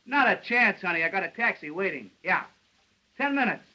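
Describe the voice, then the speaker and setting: A cocky, scornful newspaperman in a 1930s screwball comedy film. His voice is high and piercingly bright, full of slangy wisecracking banter, on an old film soundtrack. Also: animated, fairly quick, full character voice, low-quality recording. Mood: affectionate. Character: brash, cocky newspaperman, quick-witted and scornful. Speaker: newspaper reporter.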